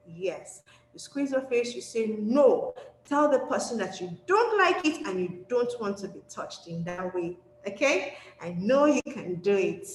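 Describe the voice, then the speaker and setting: A woman presenting a safety webinar for children, animated and encouraging, often checking in with "okay?". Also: medium pitch. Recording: echoey room, faint background noise.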